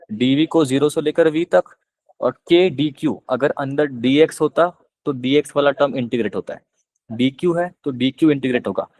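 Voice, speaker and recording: A man with a Punjabi accent teaching physics in a live online class, explaining slowly and repeating questions to his students. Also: on the high side, a little mellow, no echo, rough recording. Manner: coaxing, repeats questions to students, calls them beta; slow, deliberate explanation.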